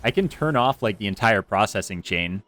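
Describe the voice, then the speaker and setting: A man's voice: on the low side, expressive, normal speed, fairly bright tone. A man streaming a game from home, chatting casually into a close desk mic, rambling with lots of fillers. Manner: rambling, self-deprecating, chatty with many fillers. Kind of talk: casual gameplay stream chat. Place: home room with air conditioner. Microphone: close desk mic with foam screen.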